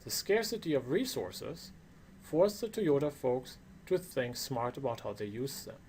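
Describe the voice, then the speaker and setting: A man's voice: mid-range voice, expressive, measured pace, darkish tone, a little hiss or hum. A man with a non-native English accent gives a prepared lecture as a course instructor, explaining things with emphasis. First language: not English.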